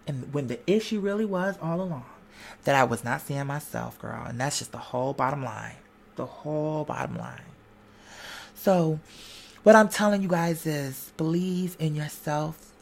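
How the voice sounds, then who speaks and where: A woman with a low, gravelly voice speaks at a moderate pace over a slight hiss or hum. Giving a pep talk as an online creator, she keeps it chatty and slangy, repeating lines emphatically like a preacher.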